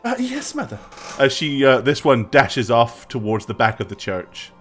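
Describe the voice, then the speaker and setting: A game master narrating a tabletop game casually, improvising in a halting way. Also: mid-range voice, soft background music.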